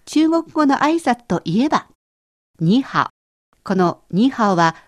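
A woman's voice: fairly high pitch, very animated, normal speed. A woman co-hosting a scripted language lesson, explaining phrases in a conversational way. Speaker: language teacher co-host.

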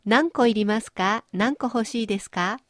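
This language teacher hosts a radio-style lesson, turning pronunciation points into playful everyday images. Her voice is a bit bright and on the high side, at a moderate pace. It's recorded at studio quality with no echo.

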